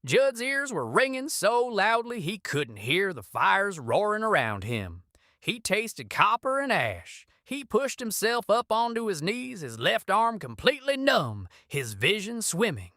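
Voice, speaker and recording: A woman's voice: medium pitch, very animated, a little slow, fairly bright tone, no room sound, clean studio sound. A woman narrating a frontier adventure story in an intense, scripted style.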